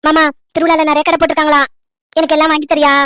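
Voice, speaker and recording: A woman's voice: high-pitched, completely flat delivery, very fast, fairly bright tone, no echo, studio quality. A woman voicing a cheerful young village girl who chatters eagerly and coaxes her uncle in a cartoon love story. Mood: chatty. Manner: chatty, coaxing.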